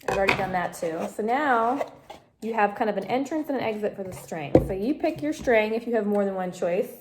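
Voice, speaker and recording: A woman's voice: medium pitch, expressive, brisk, very noisy. A woman teaching a home craft tutorial on a phone camera, explaining each step patiently and coaching a child beside her. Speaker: craft instructor.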